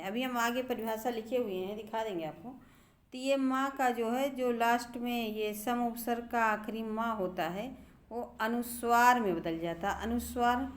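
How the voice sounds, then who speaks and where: A middle-aged woman with a slightly high voice teaches grammar to her students. She patiently repeats words slowly to show how they are pronounced.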